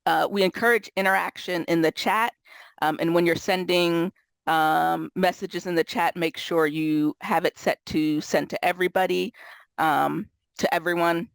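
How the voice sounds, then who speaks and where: A woman's voice: lowish voice, steady tone, moderate pace, vocal fry, smooth, dry recording. A woman moderating a webinar, sounding nasal from a cold, talking casually with lots of fillers over a video call. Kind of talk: webinar housekeeping intro.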